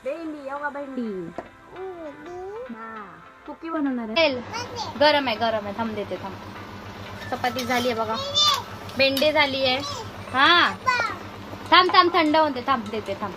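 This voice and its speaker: A woman's voice: high-pitched, animated, unhurried, pauses often, over music. A mother talking to her toddler in a playful home vlog, coaxing her in sing-song baby talk. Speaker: mother and vlogger.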